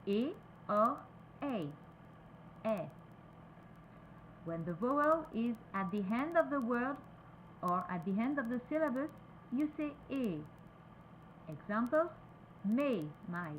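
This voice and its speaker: A woman with a French accent teaching pronunciation, repeating each word slowly and switching between French and English. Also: a little high, sing-song, a little hiss or hum, low-quality recording. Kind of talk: slow, careful pronunciation lesson.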